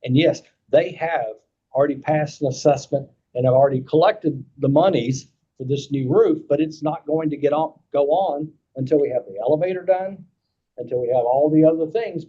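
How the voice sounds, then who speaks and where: A man's voice: a little high, moderate pace, dark tone, slightly rough. A man with a Kentucky accent explaining things at a meeting in a folksy way, repeating points and checking that listeners follow. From Kentucky, United States. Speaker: insurance agent presenting to committee. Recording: dull lo-fi meeting audio.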